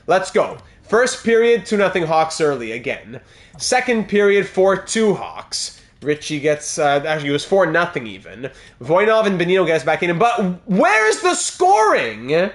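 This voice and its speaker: Speaking in a high voice at a measured pace, a young man streams a hockey franchise mode and chats with his viewers. He reads chat aloud and excitedly calls plays as they unfold during his live commentary.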